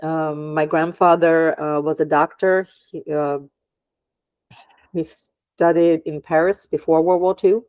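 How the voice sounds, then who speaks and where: Lady with a low voice, lots of ums, a bit muffled. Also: level tone, slow pace, clear, resonant tone, no room sound. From Germany. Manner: hesitant, many ums, laughs often. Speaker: podcast guest, aromatherapist. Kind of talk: casual interview chat.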